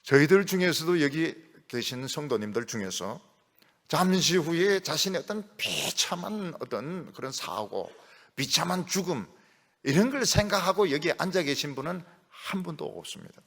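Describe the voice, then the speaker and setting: A man preaching a sermon in a church sanctuary, his slightly high, gravelly voice swinging widely in pitch as he builds to forceful, shouted lines. A long reverb from the hall trails behind his words. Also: moderate pace. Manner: animated preaching, rising to shouts when voicing Jesus's rebuke. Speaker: pastor.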